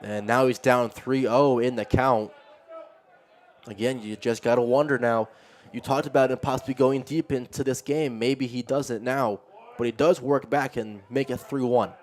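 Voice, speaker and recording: A male play-by-play announcer with a medium-pitched voice calls a baseball game live. He follows each pitch as it happens in a conversational way. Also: fairly even intonation, normal speed. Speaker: play-by-play commentator.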